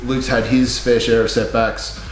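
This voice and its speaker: A man's voice: mid-range voice, little pitch movement, unhurried. A middle-aged man chatting casually to camera in a wry, teasing way. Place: small plain indoor room. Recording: echoey bare room, faint music.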